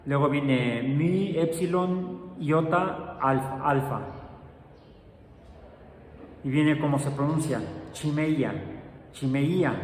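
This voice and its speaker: A man's voice: a little high, recorded from a distance. Man teaching in an echoey hall. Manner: explanatory, halting with many fillers. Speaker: science teacher. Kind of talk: classroom lecture. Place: large echoey classroom. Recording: very echoey hall, faint background noise.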